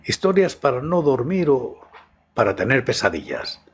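A man with a husky voice narrating scripted tales as the host of a story programme. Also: medium pitch, big pitch swings, normal speed. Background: music.

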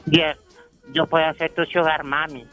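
A woman's voice: low voice, level tone, a little slow, a bit bright, faint music behind, low-quality recording. A Honduran woman in her sixties, missing her front teeth, chatting flirtatiously and playfully as a radio caller. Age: 60s. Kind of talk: playful casual chat.

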